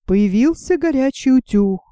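Woman reading a fairy tale, mellow tone. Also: high voice, animated, moderate pace, no room sound, clean studio sound. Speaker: narrator.

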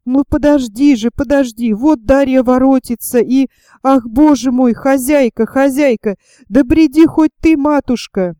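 A woman's voice: high-pitched, a little slow, dark tone, smooth, no echo, studio quality. A woman reading as an imperious older noblewoman. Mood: commanding. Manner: commanding, fierce, hissing whispers.

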